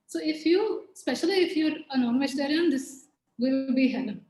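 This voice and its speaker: A woman, a guest in a casual interview, relaxed and laughing often. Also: high-pitched, a little fast, roomy sound, slight background noise, low-quality recording. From India.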